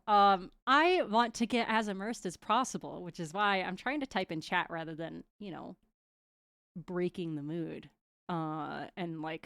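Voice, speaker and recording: A woman's voice: medium pitch, fairly bright tone, clean tone, no room sound, clean studio sound. A young woman streaming her first tabletop game, chatting casually in a bubbly, giggly way with frequent restarts. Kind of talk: casual chat.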